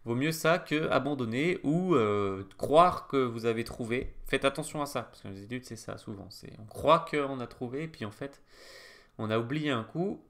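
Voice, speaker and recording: A man with a French accent explaining chess studies in a casual lesson, pausing often with filler sounds and going step by step. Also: medium pitch, a bit bright. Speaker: chess teacher.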